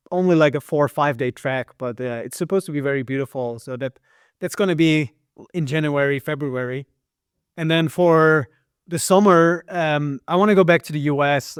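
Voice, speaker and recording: A man's voice: a little high, clear, resonant tone, dry recording, clean studio sound. A man from the Netherlands with a Dutch accent tinged with American, telling stories as a guest in casual talk, with many fillers and repeated words. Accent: Dutch, partly American. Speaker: guest filmmaker and hiker. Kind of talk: casual interview storytelling.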